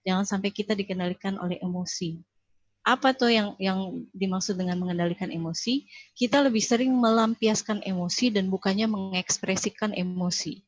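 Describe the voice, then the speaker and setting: A woman's voice: mid-range voice, brisk, no echo, dull audio. Earnest woman teaching parents. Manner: earnest, instructive, addresses parents directly. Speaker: parenting speaker. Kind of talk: webinar talk.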